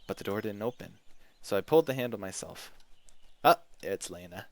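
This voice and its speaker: A man's voice: fairly low pitch, expressive, normal speed, no echo. A man reading a visual novel aloud in a casual way, with small slips and restarts. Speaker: game reader.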